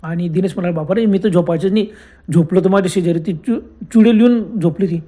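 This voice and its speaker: A man narrating a first-person ghost story in dramatic, exclamatory storytelling that drops to hushed tones at the tense moments. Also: sits high, fast talker. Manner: dramatic, frequent gasped exclamations, acts out friends' fearful lines. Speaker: horror storyteller.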